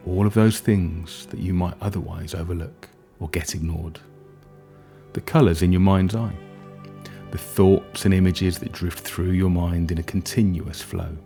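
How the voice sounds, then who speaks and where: A man guiding a hypnosis session in a soft, soothing, breathy and unhurried voice, leaving gentle pauses between phrases. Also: low-pitched.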